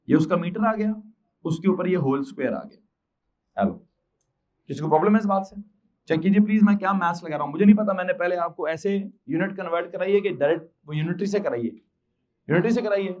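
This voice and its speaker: High-voiced pakistani urdu accent teacher guy, keeps firing questions at the class, kinda muffled dull recording. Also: a little mellow. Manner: quizzing students with repeated questions, mixing in English. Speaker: physics teacher. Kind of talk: classroom lecture.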